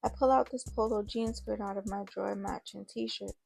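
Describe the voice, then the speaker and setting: A woman's voice: medium pitch, steady tone, moderate pace, vocal fry, a little mellow, slight background noise. A woman telling a first-person story in a casual, conversational way. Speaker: narrator.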